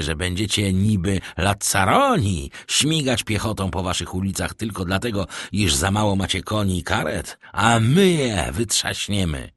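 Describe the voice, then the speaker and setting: A man voicing a worldly young gentleman in an audiobook, speaking in a wry, lecturing way. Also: fairly low pitch, no echo, clean studio sound.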